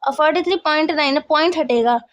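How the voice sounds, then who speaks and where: High-voiced woman teaching maths. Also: fast talker, lo-fi sound. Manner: explains step by step, often checks for understanding. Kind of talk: classroom maths lesson.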